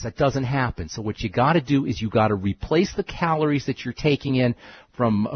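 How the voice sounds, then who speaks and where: Male radio health host, emphatic and lecturing, lively pitch, husky edge, dry muffled sound. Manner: emphatic, lecturing, repeats key phrases. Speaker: radio show host, pharmacist. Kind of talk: call-in health radio talk.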